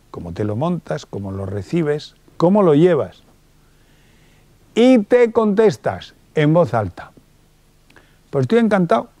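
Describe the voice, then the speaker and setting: Male psychologist lecturer, colloquial and animated with acted-out dialogues, mellow tone, dry close sound. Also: medium pitch, dry recording. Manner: colloquial, acts out little dialogues in different voices. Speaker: psychologist giving a conference talk. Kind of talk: lively public lecture.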